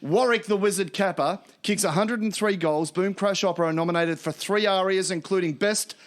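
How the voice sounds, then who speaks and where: High-voiced Australian man hosting a podcast. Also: fairly quick. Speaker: podcast host, quizmaster. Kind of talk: jokey casual podcast hosting.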